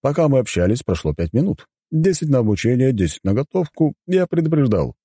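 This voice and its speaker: A man voicing a composed young male hotel butler who speaks calmly and courteously with a faint menace, in an audiobook. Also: mid-range voice, a little fast, dry recording, clean studio sound, pitched above the performer's own voice.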